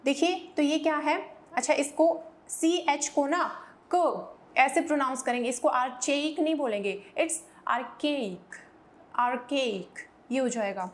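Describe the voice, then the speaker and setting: A woman teaching English vocabulary, explaining in Hindi and reading English examples slowly and carefully. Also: high voice. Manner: urges viewers to repeat pronunciations aloud. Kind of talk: vocabulary lesson.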